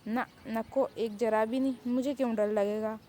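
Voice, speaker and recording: A woman's voice: on the high side, steady tone, moderate pace, mellow, slight background noise, close to an everyday voice. A woman voicing a cheeky, boastful young woman who loves to pester everyone. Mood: teasing. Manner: brash, teasing, boastful.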